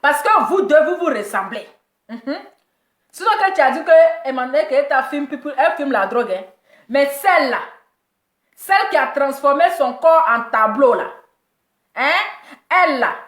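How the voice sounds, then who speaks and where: A woman's voice: high-pitched, a bit bright, echoey room. A woman giving mocking gossip commentary, teasing and laughing as she repeats her jabs. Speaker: commentator reacting to celebrity gossip.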